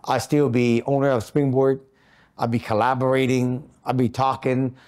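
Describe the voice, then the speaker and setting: On a motivational podcast recorded in an office meeting room, a co-host in his fifties talks about goal setting. His medium-pitched voice shows little pitch movement and is clear, resonant and a little mellow at a moderate pace, and he coaches earnestly through rhetorical questions.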